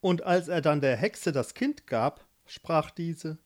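Female narrator, slow and animated, for a children's story. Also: sits low. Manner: slow and expressive.

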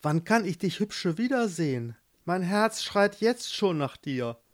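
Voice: mid-range voice, sing-song, unhurried, voice pushed up. A storyteller voicing an eager, lovestruck young prince who speaks earnestly, in a read-aloud fairy tale. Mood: tender.

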